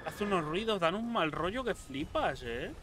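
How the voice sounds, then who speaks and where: A young man giving casual let's-play commentary, excitable, swearing a lot and talking back to enemies on screen. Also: high voice, moderate pace, background noise. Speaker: gameplay streamer.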